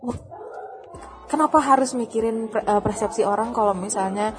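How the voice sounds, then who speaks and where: A woman's voice: fairly high pitch, normal speed. A young woman, hosting a casual chat and teasing her friends as she steers the talk. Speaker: host.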